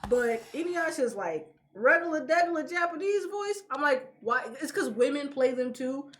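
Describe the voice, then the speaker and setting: A woman co-hosting a casual podcast chat, animated and slangy, laughing often and swearing freely. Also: sits high, moderate pace. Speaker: podcast co-host.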